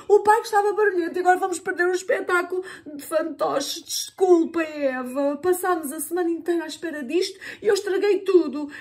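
A woman's voice: on the high side, slightly rough, exaggerated voice. Woman doing a frantic, flustered storybook mum. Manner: frantic, wailing outbursts. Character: flustered, loving young mother.

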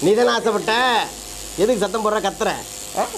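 A man with a Tamil Nadu accent chatting quickly in a family vlog at a salon, coaxing his small child. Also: sits high, gravelly, a little hiss or hum. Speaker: family vlogger, father. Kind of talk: casual family vlog chat. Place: tattoo and beauty salon, indoors.

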